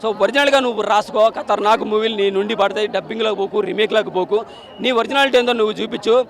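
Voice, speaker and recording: A man, giving an energetic street review of a film outside a theatre. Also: high-pitched, some chatter behind. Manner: energetic, rapid, addresses the director directly.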